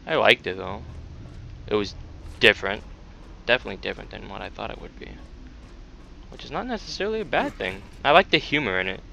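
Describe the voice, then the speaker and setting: A man giving casual, sweary, self-deprecating let's-play commentary, with soft R sounds that come out like w. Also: on the low side, animated, fairly quick, vocal fry, long pauses, slight background noise. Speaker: gaming video host. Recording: game music, gunfire behind voice. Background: game music, gunfire and vehicle sounds.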